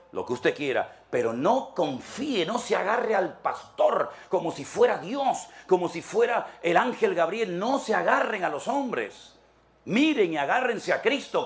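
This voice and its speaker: Spanish man preaching with emphatic swings. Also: high-pitched. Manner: preaching with rhetorical questions, swings between emphatic and hushed. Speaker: pastor. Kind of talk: sermon. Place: church.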